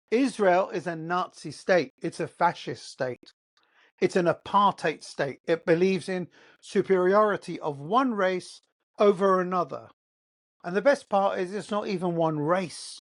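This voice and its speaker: A man with a high voice and an English accent, born in Qatar and raised in England, hosts his own podcast as a solo monologue. He speaks unhurriedly but emphatically, firing off rhetorical questions.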